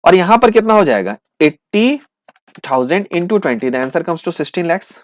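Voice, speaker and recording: A man teaching accountancy in with terms, asking questions and answering them himself, slowing right down to dictate entries. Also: high voice, dry recording. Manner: lively, asks and answers his own questions, slows to dictate entries. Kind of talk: classroom lecture acting out students' replies.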